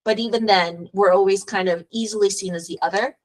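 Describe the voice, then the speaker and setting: A woman's voice: medium pitch, fairly even intonation, fairly quick, poor audio. A woman with a Texan accent, speaking as an immigration lawyer guest in an earnest interview over a video call, with frequent fillers and restarts. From Texas, US. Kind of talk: casual interview talk.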